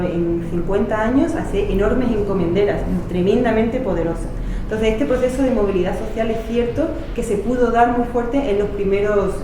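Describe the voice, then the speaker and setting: A woman, a historian explaining her research in a spontaneous academic way, with many fillers and restarts. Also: fairly high pitch. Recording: echoey room, voice from far off, faint noise.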